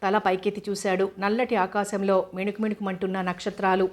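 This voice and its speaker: A woman narrating an audiobook novel in an even, steady reading voice. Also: mid-range voice, brisk.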